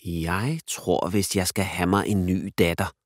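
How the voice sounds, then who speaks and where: A man's voice: low-pitched, steady tone, no echo, studio quality. A man voicing a playful father in a storybook, teasing and showy.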